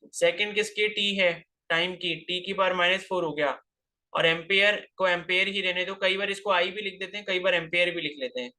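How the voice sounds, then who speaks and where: Man, physics teacher, high voice, bright tone, rhetorical questions, classroom lecture. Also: steady tone, brisk. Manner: scolding students with rhetorical questions.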